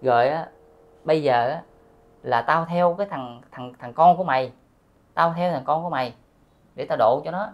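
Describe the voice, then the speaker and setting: A man voicing the angry ghost of a dead older brother, scolding loudly and roughly. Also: on the high side, moderate pace, pauses often, muffled recording, natural voice. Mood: insistent. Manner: loud scolding, rough talk.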